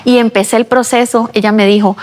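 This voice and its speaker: Woman, personal testimony, animated storytelling, long reverberant hall sound. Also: on the high side, a little fast, slight background noise. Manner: lively retelling, acting out her own past words. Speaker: testimony speaker.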